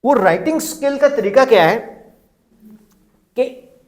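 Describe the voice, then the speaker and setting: A man running a lively training session for teachers, acting out bits of dialogue as he talks. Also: very high voice, rough recording. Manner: animated, acts out quick dialogue snippets. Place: school hall.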